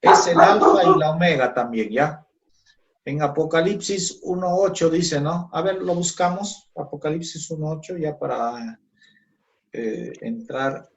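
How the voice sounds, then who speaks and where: A man's voice: fairly high pitch, animated, gravelly, muffled recording. A man teaching a Bible class on Christology, who keeps checking in with his students by asking "¿ya?" and "¿no?". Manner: slow, checks in with "¿ya?" and "¿no?".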